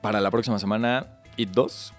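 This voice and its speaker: A man with a low-pitched Mexican voice co-hosts a film podcast. He explains things in an informal, slangy style, talking as he would to a friend. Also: steady tone, normal speed, faint music behind. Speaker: podcast co-host. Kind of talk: casual chat about films.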